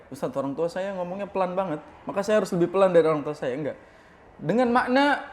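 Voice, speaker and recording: A man preaching a religious study lecture, reading Arabic text slowly and then explaining it in a lively teaching tone with rhetorical questions. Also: sits high. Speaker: Islamic preacher.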